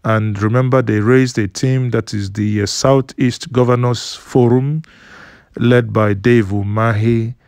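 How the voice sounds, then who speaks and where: Guy talking slow over photos, lotta ums, dry close sound. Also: mid-range voice, steady tone, darkish tone, clean tone, no room sound. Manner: unhurried, explanatory, with many fillers and restarts. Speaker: news commentator. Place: studio voice-over, not at the pictured site.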